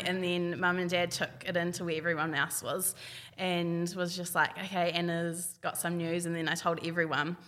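Chatty New Zealand woman, bright voice. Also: on the low side. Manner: chatty, full of "like" and reported speech. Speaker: guest, hockey player. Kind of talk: casual storytelling. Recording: long reverb.

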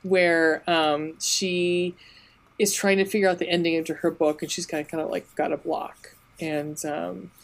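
A woman's voice: lowish voice, level tone, moderate pace, gravelly. Rambling, gushing woman podcast co-host. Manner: gushing, swears freely, rambling restarts. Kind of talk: casual chat.

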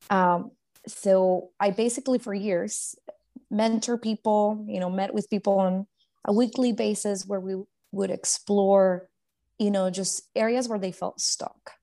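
A woman's voice: mid-range voice, warm tone. A woman in her thirties from Guatemala, a life coach talking earnestly and reflectively in a casual faith-based interview, with many fillers and restarts. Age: 30s.

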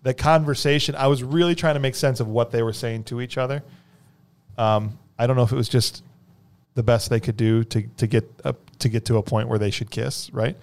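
A man's voice: mid-range voice, fairly even intonation, a little fast, darkish tone, a little hiss or hum. A man hosting a casual movie discussion in a conversational, jokey way. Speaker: podcast host.

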